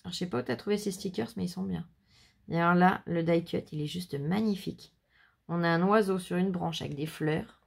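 Gravelly-voiced woman gushing over crafts. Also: on the low side, brisk. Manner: gushing, admiring, describes crafts in detail. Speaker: scrapbooking vlogger. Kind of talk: casual unboxing chat.

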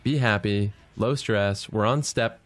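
A man hosting a radio interview, talking in a relaxed way with many fillers. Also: fairly low pitch, a little slow, soft background music. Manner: relaxed, filler-heavy conversational delivery. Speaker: radio show host.

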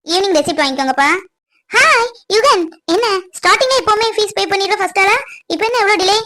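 A woman's voice: very high-pitched, lively intonation, fast, bright, forceful tone, exaggerated voice. A woman voicing a shy, chatty young college woman in a cartoon, asking many questions. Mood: curious. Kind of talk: cartoon voice acting.

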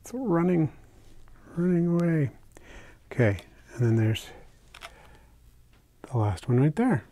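An older man casually narrating a hobby vlog as he unpacks and shows his isopod purchases, talking in a relaxed, chatty way with fillers and soft asides. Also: a little high, takes it slowly, long pauses. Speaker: isopod keeper unboxing purchases. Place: indoors at a table, hands on camera.

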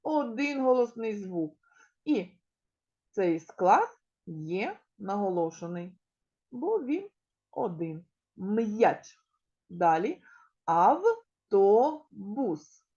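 A woman with a Ukrainian accent talks to a class of small children at a very slow, careful pace. Her pitch swings widely as she stretches out single words and asks the children questions. The recording sounds dull and lo-fi. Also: big pitch swings, dark tone. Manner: slow, clearly articulated, stretches key words; addresses children directly and asks them questions. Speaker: kindergarten teacher. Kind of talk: recorded preschool literacy lesson.

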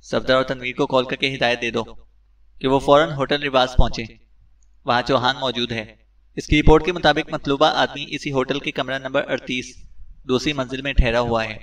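A man voicing a shrewd male secret service chief who speaks briskly and gives orders. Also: mid-range voice, steady tone, a bit bright, distant mic, close to an everyday voice, rough recording. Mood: commanding. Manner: brisk and commanding.

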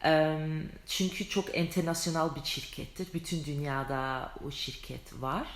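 A woman talks through a casual pronunciation lesson at an unhurried pace, breaking into exaggerated demonstrations of each sound. She is chatty and pokes fun at herself. Her voice rings in a noticeably echoey room. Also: low voice, fairly even intonation. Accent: non-native Turkish, foreign-tinged. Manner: chatty, self-deprecating, demonstrates sounds with exaggerated mouth shapes. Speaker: English pronunciation teacher.

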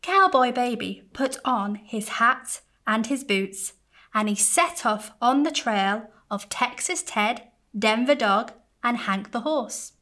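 A woman, a church families coordinator, gently and expressively reading a children's story aloud. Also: on the high side, animated, slow pace.

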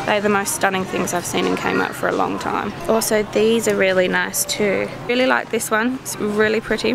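A young Australian woman vlogs her way through a busy department store, gushing enthusiastically in casual chat. Her medium-pitched voice is creaky, recorded on a handheld camera at arm's length with background noise.

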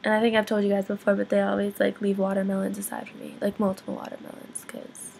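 A young woman answering viewer questions in a casual vlog, rambling and self-deprecating, with lots of ums and quick apologies. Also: medium pitch, monotone, gravelly, a little mellow, slight background noise, rough recording. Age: young adult.

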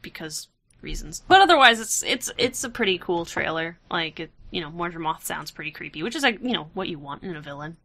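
Woman podcast host, bright voice, chatty, hedges a lot. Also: lowish voice, lively intonation, fairly quick, vocal fry. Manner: chatty, hedging with fillers, leads the talk. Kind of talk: casual gaming podcast chat.

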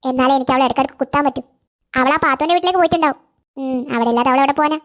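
A woman's voice: sits high, close to an everyday voice. A woman voicing a scheming, boastful stepmother in a cartoon, scornful in her talk. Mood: spiteful. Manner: boastful, scornful, rapid-fire. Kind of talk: cartoon voice acting.

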